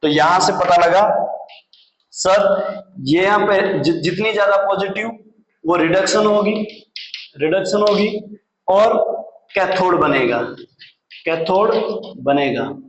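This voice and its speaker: A man's voice: high voice, slow pace, pauses often. A man teaching chemistry in a classroom lecture, putting questions to the class, answering them himself and repeating the key terms. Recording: echoey classroom.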